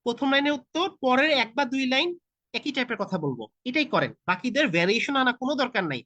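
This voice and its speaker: A man's voice: very high voice, very animated, brisk, pushed and bright, no echo, muffled recording. A man in his thirties with a Bangladeshi Bengali accent teaches an online IELTS class. He talks casually, mixes in English and puts questions straight to his students. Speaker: IELTS tutor. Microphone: video call.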